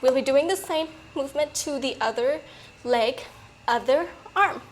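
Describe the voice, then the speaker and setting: A woman coaching a workout in a peppy, encouraging manner, a little breathy from exertion. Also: high voice, measured pace, a little hiss or hum. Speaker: fitness coach. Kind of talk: workout instruction.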